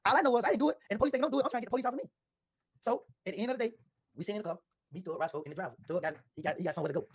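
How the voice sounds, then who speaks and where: Man, husky, rapid-fire interview storyteller, defensive and insistent, dry close recording. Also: sits high, dry recording.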